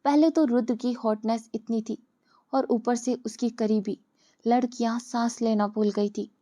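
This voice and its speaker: A woman's voice: fairly high pitch, fairly even intonation, unhurried, warm tone. Woman narrating a dramatic audio story.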